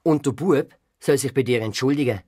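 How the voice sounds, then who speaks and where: A reader with a Swiss German accent voicing a stern, gruff old grandfather in a children's audio story, speaking slower and lower than the narration. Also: mellow, dry recording, clean studio sound, natural voice.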